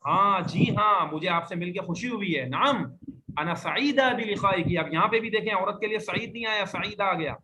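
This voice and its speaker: Male teacher from Pakistan, high bright voice, strict drilling, corrects mistakes. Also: slight background noise, poor audio. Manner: firm, corrective, drills students. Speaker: Arabic teacher. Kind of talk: classroom lesson with online students.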